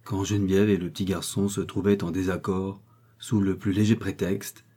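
A man reading a novel aloud as audiobook narration, measured and steady. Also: deep voice, slightly rough. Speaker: audiobook reader.

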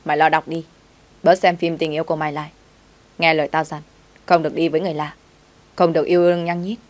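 A woman's voice: sits low, flat delivery, fast, lightly acted. Bossy young master, read by a woman. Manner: scolding, commanding.

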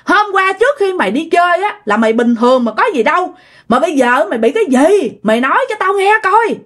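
A woman's voice: extremely high pitch, very animated, fast, pitched above the performer's own voice. A woman voicing a worried older parent who scolds a grown son, with a Southern Vietnamese accent. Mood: worried scolding. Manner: scolding questions.

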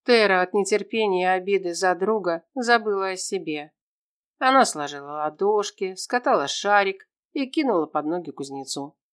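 A woman narrating a fantasy novel in an even, measured reading voice. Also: mid-range voice, clean tone. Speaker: audiobook narrator. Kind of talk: scripted storybook narration.

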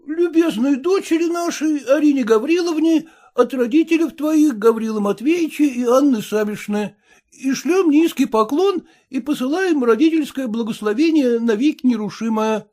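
Man putting on a sleepy hungover peasant guy, squeaky high voice, drawls all over the place. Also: expressive, normal speed, a little mellow. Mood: reading haltingly. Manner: drawling, grumbling.

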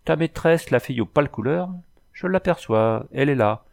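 Fields: Figure: old sorceress woman, voiced by a man. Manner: solemn riddles. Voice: raised, gravelly. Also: mid-range voice, expressive, moderate pace, darkish tone, voice pushed up. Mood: oracular. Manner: solemn, oracular speech in riddles. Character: old female sorceress, cryptic and prophetic.

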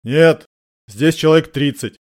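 A man's voice: a little high, a little slow, lightly acted. A man voicing a shaken, bloodied male police sergeant who reports in an agitated way. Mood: anxious. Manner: agitated, pleading.

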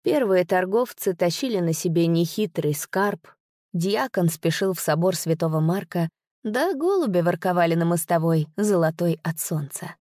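A woman reads a story aloud at an even, unhurried pace. Her voice sits low for a woman, and the recording is dry and close with no room sound. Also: no room sound. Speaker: audiobook narrator. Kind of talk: scripted narration.

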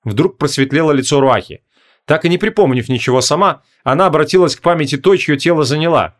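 A man narrating an audiobook in an expressive storytelling manner. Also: on the high side, fast talker. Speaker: audiobook reader. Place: home studio.

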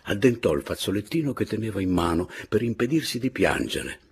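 Lettura di narrativa da parte di un uomo dalla voce profonda e roca. Racconta con calma e partecipazione, con un timbro graffiante e poco limpido. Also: male voice, fairly low pitch, vocal fry, husky. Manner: measured, expressive storytelling. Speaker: audiobook narrator. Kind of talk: literary audiobook narration.

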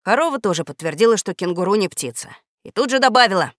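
A woman narrating a children's audiobook in a lively, expressive manner. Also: mid-range voice, fast talker, no room sound, studio quality.

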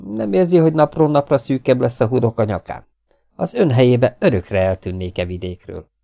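A man voicing a mysterious masked male avenger in an audiobook, calm, mocking and self-assured. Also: mid-range voice, gravelly, voice pushed up. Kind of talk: audiobook character voice.

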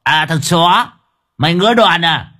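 A man voicing a violent, foul-mouthed tattooed thug who talks loud and fast. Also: a little high, expressive, pitched above the performer's own voice. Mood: aggressive. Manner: loud, rapid, swearing.

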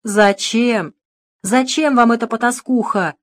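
A woman's voice: mid-range voice, fairly quick, pitched above the performer's own voice, natural voice. A cowardly male bank boss, as a woman reader puts him on, whining and snapping in raised, panicky tones. He blusters at those below him and cringes at threats. An audiobook character reading.

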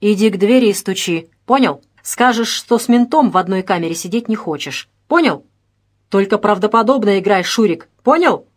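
A woman voicing a tough retired male police colonel who speaks calmly and curtly, in an audiobook. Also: medium pitch, moderate pace, lightly acted. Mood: commanding.

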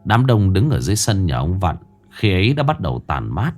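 A man's voice: low voice, big pitch swings, fairly quick, faint music behind. A man narrating a first-person horror story in a dramatic, wry manner.

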